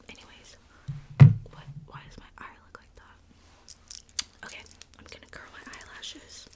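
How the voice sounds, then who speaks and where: A young woman whispering casually through an ASMR makeup routine, chatty and filled with little likes and asides, close to a handheld camera mic. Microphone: close camera mic, handheld filming.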